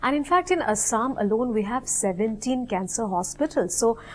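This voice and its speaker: A woman's voice: fairly high pitch, animated, normal speed, darkish tone. A woman hosting an interview and asking polite questions, with frequent "you know". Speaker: interviewer, host.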